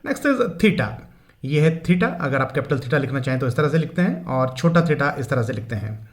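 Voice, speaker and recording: A man with a medium-pitched, expressive voice delivers a physics class lecture. Speaking Hindi in a room with echo, he explains things slowly and emphasizes the pronunciation of each English term.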